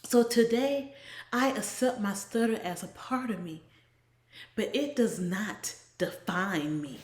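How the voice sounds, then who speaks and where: A devotional blogger, this woman gives an earnest, measured inspirational talk at medium pitch, her phrases often trailing off soft and breathy. The room sounds echoey.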